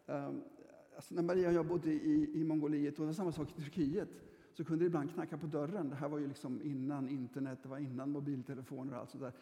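Male pastor, mellow slightly higher voice with gravel, reassuring conversational sermon delivery. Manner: conversational, reassuring, with frequent fillers and restarts. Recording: echoey hall with long reverb.

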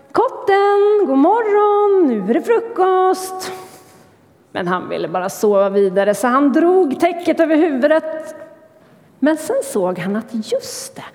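Lively woman telling a church story. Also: sits high, long reverb tail. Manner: lively, expressive. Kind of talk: children's sermon story.

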